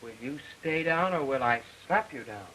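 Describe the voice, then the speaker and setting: An actor playing an earnest, affectionate young composer, newly married and anxious, in an early talkie film. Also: male voice, medium pitch, lively intonation, moderate pace, bright, forceful tone. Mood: teasing. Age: young adult. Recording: scratchy 1920s film soundtrack.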